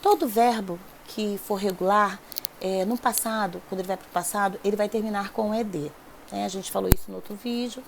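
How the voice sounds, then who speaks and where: A woman's voice: medium pitch, fairly even intonation, fairly quick, creaky, slight background noise. A woman teaching an English grammar lesson, explaining rules step by step and checking in with her students often. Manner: patient, repeats rules, checks in with "tá?" and "ok?".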